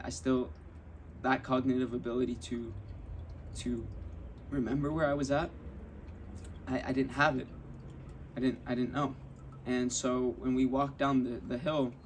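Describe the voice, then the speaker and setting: A young man hosts a podcast, telling a personal story candidly and ramblingly, restarting often and acting out quotes. His voice is medium-pitched with little pitch movement, a little slow, with long pauses. He sounds slightly off-mic, with faint ambient noise.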